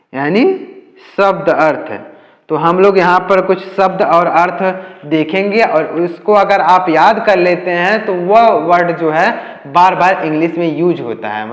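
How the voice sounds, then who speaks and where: A man teaching English reading in Hindi, spelling words out letter by letter and asking the class questions that he answers himself. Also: sits high. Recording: echoey room with long reverb.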